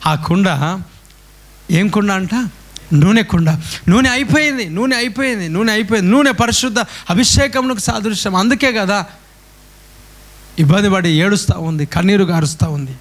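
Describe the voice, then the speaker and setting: A man's voice: sits high, normal speed, pauses often. A male pastor preaching a call-and-response sermon, firing repeated rhetorical questions at his congregation.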